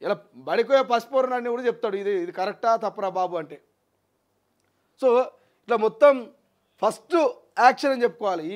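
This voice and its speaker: A man giving heated political commentary, full of indignant rhetorical questions and scolding repetition. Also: high voice. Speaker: news commentator.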